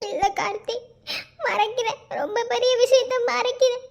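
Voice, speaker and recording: A scared young college girl in a cartoon love story, pleading and close to tears as she admits what she has been hiding, voiced by a woman. Her voice is very high. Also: steady tone, normal speed, creaky, muffled recording. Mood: fearful. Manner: pleading, fearful and tearful. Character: frightened young female college student.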